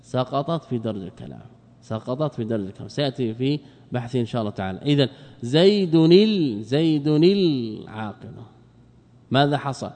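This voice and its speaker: A man's voice: mid-range voice, rapid-fire, darkish tone. A male grammar teacher giving a classroom lecture, explaining a text line by line, repeating words and asking and answering his own questions. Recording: long reverb, hall echo.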